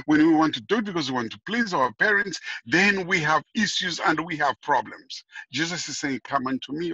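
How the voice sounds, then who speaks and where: Gravelly, lively preaching man. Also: a little high, no echo, lo-fi sound. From Zambia. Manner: emphatic, repeats key phrases. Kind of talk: sermon.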